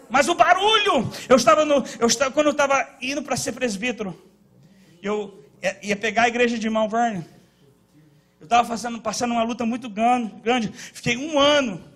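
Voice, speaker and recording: A man from Northeast Brazil with a Northeastern Brazilian accent, preaching a sermon at a church service, moving between loud shouting and quiet storytelling. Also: sits high. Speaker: pastor.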